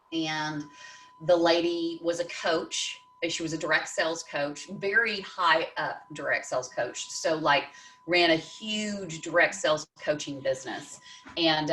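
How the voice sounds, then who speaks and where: A woman hosting a casual conversation, telling stories in an animated way and laughing often. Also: deep voice, echoey room, distant mic, poor audio. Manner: animated storytelling with frequent laughs. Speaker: podcast host.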